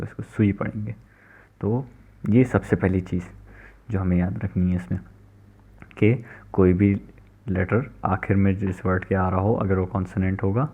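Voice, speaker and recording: A man's voice: lowish voice, gravelly, darkish tone, slightly rough. A man giving a recorded language lecture, explaining patiently and checking in often. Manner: explains patiently, repeats "theek hai" often. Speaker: language teacher. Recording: tinny phone-like recording.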